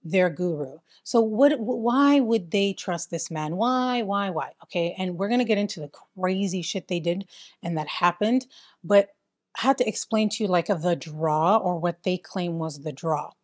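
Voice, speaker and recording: A woman hosts her vlog in an easy, chatty way and leans on "like" and "whatever" as she goes. Her voice sits a little on the low side. The sound is dry and close, with no room echo. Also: animated, moderate pace, a little mellow. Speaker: host. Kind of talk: casual chat.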